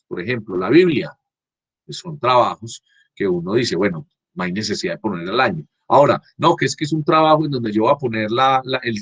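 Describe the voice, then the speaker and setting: Husky man teaching online. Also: mid-range voice, fairly bright tone, dry recording, lo-fi sound. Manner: halting, frequent restarts, checks understanding with "¿cierto?". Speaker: university teacher. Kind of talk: online class lecture. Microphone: computer mic on a video call.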